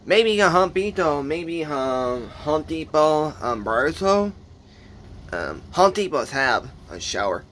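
Guy vlogging at home on his phone, slow and halting, says stuff twice, noisy audio. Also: a little high, big pitch swings, fairly bright tone. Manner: halting, repeats phrases, many fillers. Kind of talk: casual home vlog.

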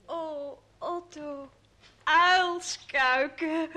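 A bubbly, teasing young sweetheart. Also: female voice, sits high, fairly even intonation, extremely slow, sharp tone, full character voice. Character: spirited young woman in love with the baron. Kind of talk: old radio comedy acting. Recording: old radio play with noisy background.

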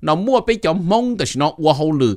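A middle-aged man hosting a casual informational talk, animated and mixing in English terms. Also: on the high side, fast talker, no room sound, studio quality. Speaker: host giving advice.

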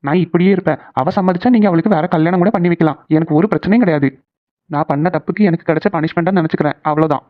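A man's voice: a little high, very fast, lightly acted. A man voicing an earnest young nephew in a cartoon, pleading and coaxing. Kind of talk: cartoon voice acting. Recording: tinny phone-like sound.

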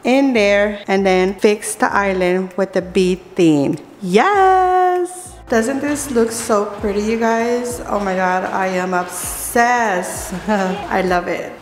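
Speaking slowly in a mid-range voice, this woman in her thirties keeps things casual in her cooking vlog, now and then using Spanish phrases. The setting is a large home kitchen, heard through a roomy echo with music playing behind her.

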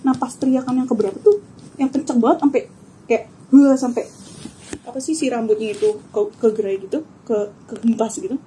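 A young woman tells a personal story in relaxed, slangy chat. Her voice sits high but sounds mellow and soft-edged, and she breaks into the shouts she remembers while retelling it. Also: fairly quick, slight background noise, poor audio. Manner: animated, acts out her own shouts and screams; casual slangy speech. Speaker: guest telling her experience. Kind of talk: casual storytelling.

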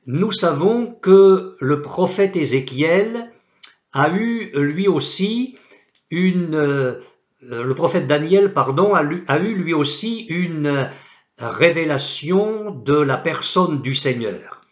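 A male pastor preaching a sermon, speaking slowly and deliberately and quoting scripture solemnly. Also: fairly high pitch, lively intonation, roomy sound. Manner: slow, deliberate preaching with solemn Bible quotations.

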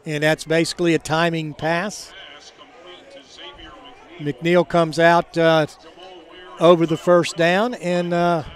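A man doing live football play-by-play commentary in a halting, conversational way. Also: fairly high pitch, little pitch movement. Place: outdoor college football game. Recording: crowd noise behind, outdoor stadium. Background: game crowd.

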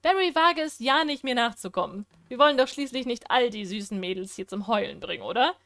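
A woman's voice: a little high, lively intonation, a bit bright, dry recording. Woman reading as a cocky joking young man. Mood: teasing. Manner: reading aloud slowly and playfully.

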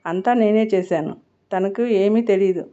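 A man's voice: high-pitched, measured pace, mellow, clear, resonant tone. A woman reading the lines of a terrified male driver held captive, who begs for mercy, on a muffled recording. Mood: pleading. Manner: begging, fearful.

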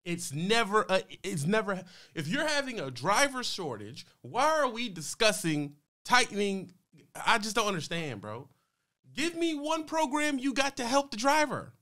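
A man's voice: sits high, sing-song, moderate pace, sharp tone. A man streaming, reacting to a clip and ranting heatedly, talking back at it and calling people bro and man. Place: home streaming room.

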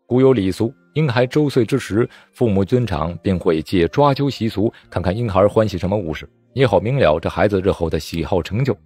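A man narrating a novel audiobook with expressive storytelling. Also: lowish voice, fairly quick, few pauses, slightly rough.

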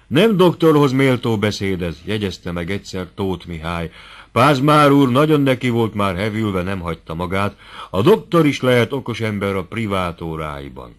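A man narrating a classic novel as an audiobook in a measured, steady storytelling manner. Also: on the low side.

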